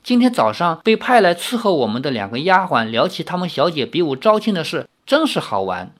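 A sweet, playful young heroine, teasing and lilting, as a man reading the story puts her on. The voice sits a little high and swoops lively between notes, devoted but with a fierce edge, in a storybook reading. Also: a little fast.

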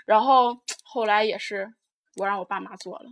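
A woman's voice: mid-range voice, steady tone, normal speed. A woman chatting casually, rambling through a story with many fillers.

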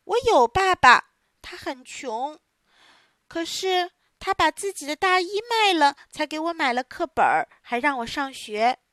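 A woman voicing a frightened wooden puppet boy in a storybook reading, high and pleading, often crying out. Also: sing-song, takes it slowly, a bit bright, no room sound, studio quality, heavily acted. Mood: confessing.

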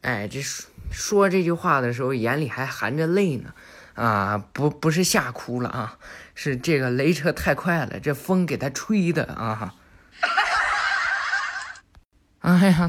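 A man playfully retelling an anime episode, chatty and joking and correcting himself as he goes. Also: medium pitch. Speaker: storyteller.

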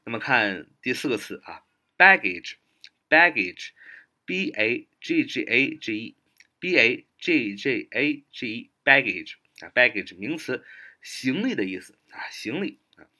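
A man's voice: medium pitch, sing-song, slow pace, pushed and bright. A man whose first language is Chinese teaching English exam vocabulary, spelling words letter by letter with frequent "ah" fillers.

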